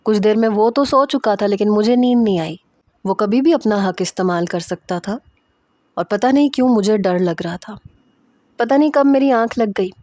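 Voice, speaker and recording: A woman's voice: medium pitch, darkish tone, dry recording. Woman reading a romance story aloud. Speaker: story narrator. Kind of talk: first-person narration of a romance story.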